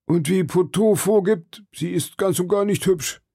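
A man reading an audiobook puts on a nervous innkeeper who frets and bows to his betters. The voice sits high and gravelly, husky and dark in tone, and close and dry on the mic. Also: a little slow, no echo, full character voice. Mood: fretful. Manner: fretful, servile. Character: anxious, deferential male innkeeper, middle-aged.

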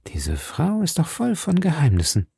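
A man reading aloud and voicing a young swordsman who speaks slowly and guardedly. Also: a little high, wildly swooping pitch, creaky, dark tone, slightly rough, no echo, studio quality, voice pushed up, heavily acted. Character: young swordsman disguising his voice.

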